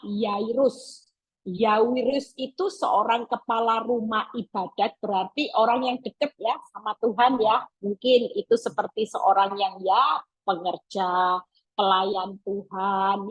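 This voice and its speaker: A woman's voice: a little high, fairly bright tone, husky, dull audio. A woman evangelist preaching a sermon over a video call, emphatic and acting out pleading prayers.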